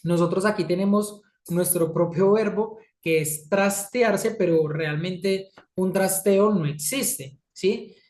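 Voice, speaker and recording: A Colombian woman teaches an English class, frequently checking in with her students using "¿sí?" and "¿listo?". Her medium-pitched, darkish voice moves slowly with hardly any pauses, in an echoey room.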